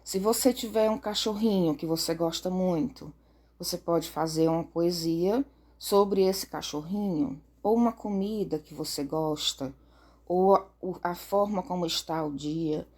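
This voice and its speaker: A woman's voice: fairly low pitch, unhurried, darkish tone. A woman teacher gives a recorded lesson for children, patient, often checking in and stretching words out.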